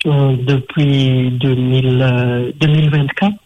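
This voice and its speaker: A man from Madagascar, calling in on a speakerphone and speaking in a halting way that keeps repeating words. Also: mid-range voice, flat delivery. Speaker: caller. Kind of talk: radio call-in. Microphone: phone on speakerphone. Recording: dull phone line, faint noise.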